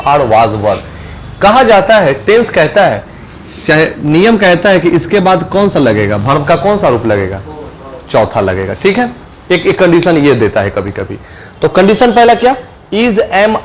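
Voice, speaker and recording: A male English teacher with a Hindi accent gives a grammar lesson, asking the class questions, answering them himself and repeating key phrases slowly. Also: high-pitched, slight background noise, low-quality recording.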